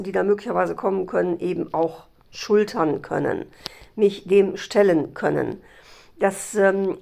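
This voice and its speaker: A middle-aged woman hosting a short coaching podcast, talking calmly and reflectively, stressing key words with deliberate repetition. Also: mid-range voice, vocal fry. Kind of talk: solo podcast monologue.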